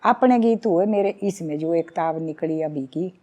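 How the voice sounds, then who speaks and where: Middle-aged Himachali-accented woman, a folk singer being interviewed; warm, soft timbre, earnest storyteller. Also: on the low side, moderate pace. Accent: Himachali Pahari. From Himachal Pradesh. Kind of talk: conversational interview.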